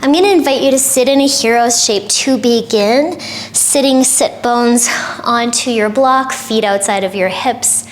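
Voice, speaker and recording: A woman yoga teacher giving calm, gentle guided instruction for a short flow, with soft breathy asides. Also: a little high, unhurried, a little hiss or hum.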